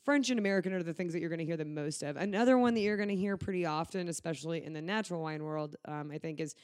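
A man's voice: fairly high pitch, rapid-fire, dry recording, studio quality. A man co-hosting a podcast in casual chat, rambling with joking asides. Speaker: podcast co-host.

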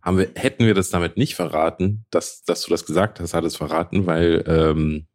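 A man's voice: low voice, steady tone, fairly quick, a little mellow. A man with a German accent co-hosting a podcast in casual chat, hesitant, with many fillers and restarts. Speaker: podcast co-host.

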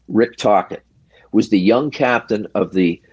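An older man, a retired hockey referee, telling stories from his career in a casual interview, measured and reflective, in short pausing phrases. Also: lowish voice, husky, dry recording, dull audio.

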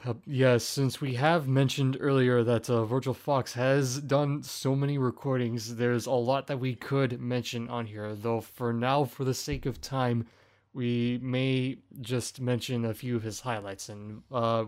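A man's voice: medium pitch, little pitch movement, unhurried, a little mellow. Polite male podcast host. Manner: brief reactive interjections, polite questions. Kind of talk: casual interview.

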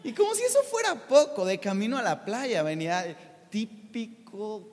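A man preaches to a congregation, telling a personal story with animated energy and frequent questions to the room. His voice sits very high for a man. A long reverb from the large hall trails behind every word. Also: moderate pace. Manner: animated, addresses the audience with questions.

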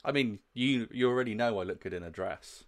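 A man's voice: on the low side, fairly quick. A man co-hosting a podcast with casual, jokey, informal banter. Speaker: podcast co-host.

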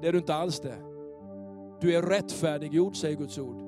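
Male pastor, high voice, lively preaching in church, faint keyboard underneath. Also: over music. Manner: animated, questioning the congregation. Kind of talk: sermon. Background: soft keyboard pads.

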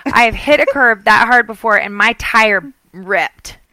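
A woman's voice: on the high side, measured pace, no echo. A woman with a Southern accent telling funny stories in a casual chat, acting out the people in them. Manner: animated, mimics people in her stories.

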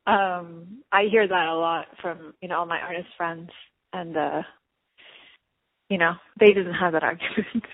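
A woman's voice: lowish voice, steady tone, unhurried, breathy edge. A woman from Turkey, an artist, answering interview questions in a reflective, casual way with many fillers and light laughs. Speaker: artist and guest. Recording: narrow phone-like sound.

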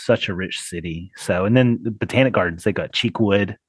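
A man's voice: lowish voice, brisk, breathy edge, dry recording. A man from Tennessee with a Tennessee accent, chatting as a podcast host with a guest. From Tennessee, USA. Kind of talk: friendly interview chat.

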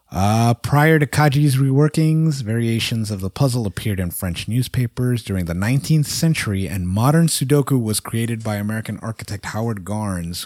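A man's voice: fairly low pitch, darkish tone, no echo, studio quality. A man co-hosting a casual podcast, chuckling at his own jokes and stumbling over foreign words. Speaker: podcast co-host.

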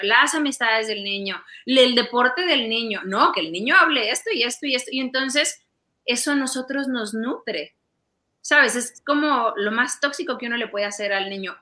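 Bright-voiced Mexican woman musing on parenting. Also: a little high. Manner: reflective, often adds "¿sabes?". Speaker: parent sharing advice. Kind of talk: casual conversation.

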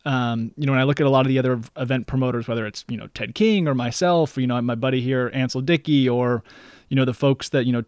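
A man hosting a podcast, his voice in an ordinary middle pitch. He talks in a chatty, meandering way. The sound is dry and close, with no room echo. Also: fairly even intonation, quick pace, a little mellow, clean tone. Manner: chatty, meandering questions full of "you know". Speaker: podcast host. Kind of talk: casual interview.

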